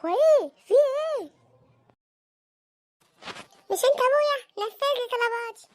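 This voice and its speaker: A woman's voice: animated, normal speed, slight background noise. A woman with an Egyptian accent voicing a spoiled, whiny young adult son who throws tantrums over his demands in a cartoon. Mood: demanding. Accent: Egyptian Arabic. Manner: shrill, petulant, threatening tantrums.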